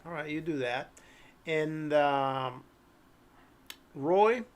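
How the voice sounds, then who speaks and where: A man running a tabletop horror game as game master, relaxed and hesitant, often clearing his throat and saying um. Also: on the high side, extremely slow.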